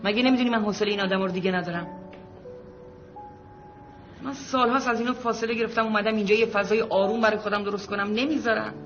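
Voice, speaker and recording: A woman's voice: mid-range voice, steady tone, long pauses, a bit bright, highs cut off, faint music behind, close to an everyday voice. An actress playing an irritable, snobbish middle-aged mother who complains sharply. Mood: irritated. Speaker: mother of the family. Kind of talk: comedy film acting.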